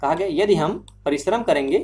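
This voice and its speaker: A woman's voice: on the low side, expressive, dark tone. Woman teaching grammar, repeating each example. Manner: explains slowly, repeats each example, checks with "theek hai". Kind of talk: grammar lesson.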